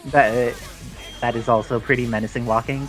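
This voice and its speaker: A man's voice: medium pitch, fairly even intonation, normal speed, faint music behind, low-quality recording. Analytical male esports play-by-play caster. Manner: analytical, explains game mechanics at length. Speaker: esports commentator. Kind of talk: live play-by-play commentary.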